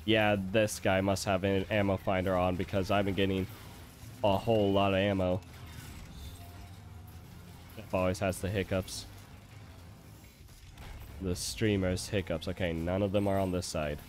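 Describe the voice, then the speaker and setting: A man's voice: low voice, level tone, a little slow, long pauses. A man streaming a game, chatting casually and reacting with little exclamations while he has the hiccups. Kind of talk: casual gameplay commentary. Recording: faint music behind.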